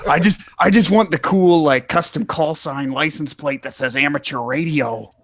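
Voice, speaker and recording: A man's voice: fairly high pitch, moderate pace, no room sound. Joking young man on a dry mic. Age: young adult. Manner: joking, self-mocking. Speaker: college student. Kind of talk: casual group voice chat.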